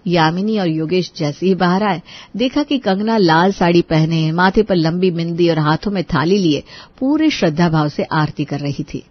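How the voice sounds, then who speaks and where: Husky woman narrating a storybook cartoon. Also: lowish voice, normal speed, dry recording, highs cut off.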